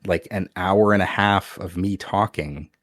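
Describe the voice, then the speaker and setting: A soft-spoken man chats as an interview guest, conversational and slightly self-deprecating about his creative work. His voice is low and a little slow, with no echo.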